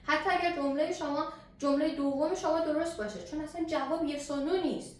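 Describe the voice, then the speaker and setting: A woman teaching an English grammar lesson, slowly stretching out example sentences and often checking in with "okay?". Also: sits high. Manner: checks in with "okay?" and asks questions back. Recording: very echoey room, faint hiss.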